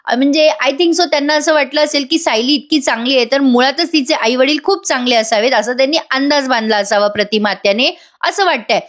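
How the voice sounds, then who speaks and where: A woman's voice: high-pitched, brisk, fairly bright tone. A woman hosting a chatty voice-over review of a TV serial, addressing her viewers directly.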